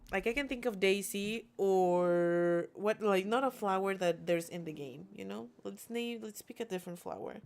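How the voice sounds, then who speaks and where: A woman's voice: medium pitch, smooth. A young adult woman with English as her second language, chatting casually and giggling as she streams a game alone in her room. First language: not English. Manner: giggly, chatty, reads chat messages aloud. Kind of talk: casual live-stream chat.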